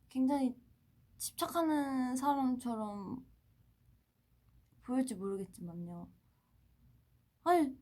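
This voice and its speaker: A woman in her twenties hosting a casual livestream, chatting playfully with fans and often dropping to a hushed tone. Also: high-pitched. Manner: playful, often drops to a soft hush. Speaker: idol livestream host. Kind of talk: casual livestream chat, answering fan comments.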